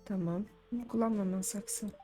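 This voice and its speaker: A woman's voice: mid-range voice, fairly even intonation, unhurried, dark tone. Chatty young woman streamer, exasperated. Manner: chatty, exasperated outbursts, talks to game characters. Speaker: gaming streamer. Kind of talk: live let's-play commentary. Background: faint game music.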